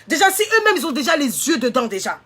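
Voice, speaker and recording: A woman's voice: high-pitched, sing-song, fast, fairly bright tone. A woman delivering an impassioned vlog rant to her viewers, emphatic and indignant, hammering home her points by repeating them. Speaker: social media commentator.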